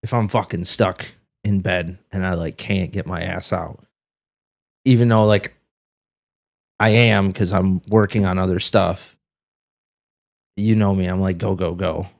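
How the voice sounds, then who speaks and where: A man's voice: low-pitched, fairly even intonation, unhurried, creaky, pauses often, no echo, clean studio sound. A man co-hosting a podcast in casual chat, rambling and swearing freely, a bit under the weather. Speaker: podcast co-host.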